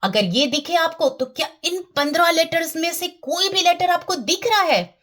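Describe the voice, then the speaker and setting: A woman's voice: very high-pitched, expressive, moderate pace, a bit bright. A woman teaching Quran recitation in a patient lesson, often checking that her listeners follow and demonstrating the sounds herself.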